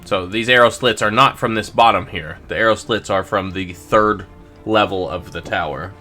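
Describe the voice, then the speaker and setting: A man's voice: lowish voice, moderate pace, sharp tone, soft background music. A man running a tabletop game as game master, explaining things in an easygoing way.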